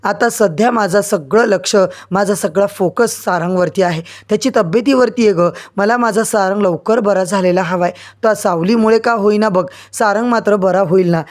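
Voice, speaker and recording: A woman's voice: medium pitch, normal speed, few pauses, a little mellow, close to an everyday voice. A woman reading the lines of an anxious, controlling woman of the house in a serial recap. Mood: insistent.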